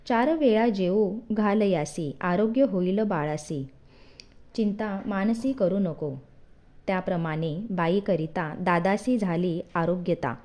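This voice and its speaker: Slow, mellow woman reciting scripture. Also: medium pitch. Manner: measured verse-by-verse recitation. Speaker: devotional reader.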